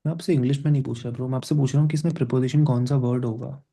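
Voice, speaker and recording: A man teaching a class, with a very dark, warm, mellow voice at an ordinary pitch. He walks through grammar points step by step, switching between Hindi and English phrases. He keeps turning to his students with quick checking questions. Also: steady tone, gravelly, breathy edge.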